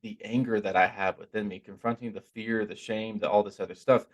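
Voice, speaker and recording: Lowish-voiced man who says w for r. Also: fairly even intonation, fairly quick. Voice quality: trouble pronouncing r, softened toward w. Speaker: religious teacher giving a talk. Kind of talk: informal reflective spiritual talk.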